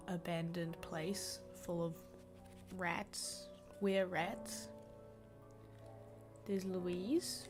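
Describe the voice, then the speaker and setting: A young woman with a New Zealand accent and a lowish, sniffly voice reads a book aloud on a livestream from home. She chats casually and pokes fun at herself as she goes.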